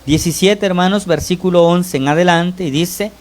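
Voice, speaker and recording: A man from El Salvador, preaching as a layman, speaks to his congregation and repeatedly checks in with the brothers by asking "¿verdad?" Both his loudness and his pitch change widely and sharply from phrase to phrase.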